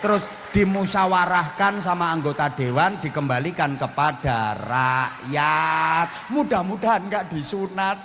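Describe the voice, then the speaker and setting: A man's voice: fairly high pitch, a little slow, hardly any pauses, bright, forceful tone, big-room sound, slight background noise. A man with a Javanese accent preaching a humorous sermon, blunt and joking, speaking outspokenly to a gathering. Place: outdoor religious gathering.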